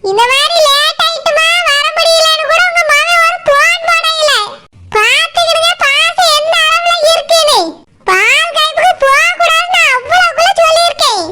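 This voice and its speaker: Woman voicing a shrill nagging mother-in-law. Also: moderate pace, pushed and bright. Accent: Tirunelveli Tamil. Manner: nagging, complaining.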